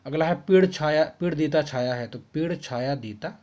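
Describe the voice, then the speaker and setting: A man's voice: on the high side, normal speed, a little mellow. A man teaching schoolchildren, patiently working through textbook answers and checking in with them often. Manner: patient, repeats phrases and checks with "ठीक है". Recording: muffled, slightly husky lo-fi recording.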